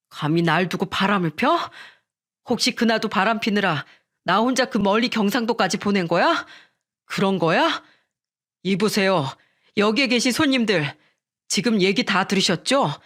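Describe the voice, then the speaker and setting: A woman's voice: medium pitch, fairly bright tone. Woman reading an angry wronged father. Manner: indignant, accusing.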